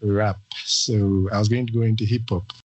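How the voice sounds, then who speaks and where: A young man from Zambia, a guest in an interview, talking in a relaxed, hesitant way with many fillers. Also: lowish voice, normal speed. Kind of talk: casual interview talk.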